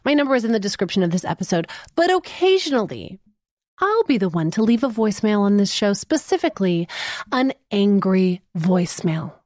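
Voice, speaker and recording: A woman hosting a podcast, talking in a quick, animated and joking way. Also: mid-range voice, no echo, clean studio sound. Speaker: podcast host. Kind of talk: casual comedic chat.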